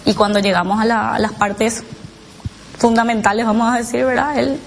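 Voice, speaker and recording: A mother recounting her child's experience in halting, emotional personal testimony, with many restarts and tag questions. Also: fairly high pitch, steady tone, creaky, a little hiss or hum, poor audio.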